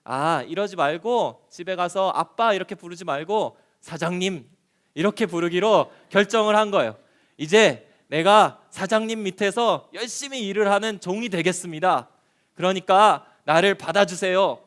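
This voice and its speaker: Ashamed hungry young son, pleading and hesitant, voiced by a man in a told Bible story; high, smooth tone. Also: normal speed, fairly bright tone.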